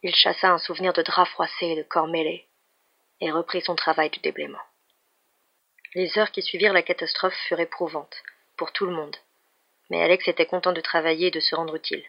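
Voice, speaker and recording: Female novel reader, steady, monotone and gravelly delivery, dull lo-fi recording. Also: lowish voice, brisk. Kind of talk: audiobook reading of a novel.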